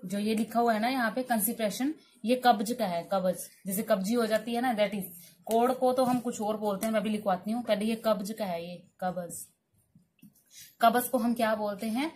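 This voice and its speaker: A woman's voice: on the high side, normal speed, a little mellow, slight background noise. A woman teaching English vocabulary in Hindi, asking each word as a question and answering it herself.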